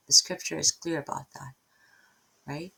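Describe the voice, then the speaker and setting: A middle-aged Filipino-accented woman gives a casual, unscripted Bible lesson in a low, gravelly voice that sounds pushed, bright and slightly rough, with fairly even intonation at a normal speed. She rambles, interrupts herself and tags many lines with "right?". The recording quality is low.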